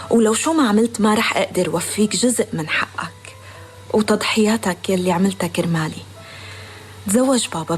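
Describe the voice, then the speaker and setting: A woman's voice: mid-range voice, natural voice. Woman playing an earnest daughter in an old radio drama. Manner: earnest, gently pleading.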